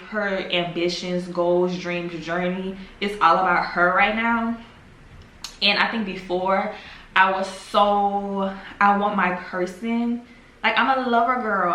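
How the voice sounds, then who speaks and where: A woman in her twenties, talking to the camera in a casual, reflective vlog, musing slowly and trailing off with fillers at home. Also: lowish voice, sharp tone. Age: 20s. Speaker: vlogger. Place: home, in the evening. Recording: echoey room with faint ambience.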